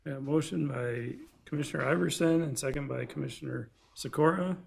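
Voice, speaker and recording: A man with a measured, gravelly delivery, speaking formally as the chair of a commission meeting. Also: on the high side. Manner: measured, procedural. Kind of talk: formal procedural meeting talk. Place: public meeting room.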